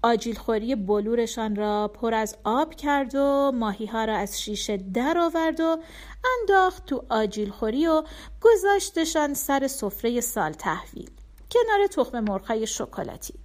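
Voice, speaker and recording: Casting: female audiobook narrator, calm storybook reading, fairly high voice.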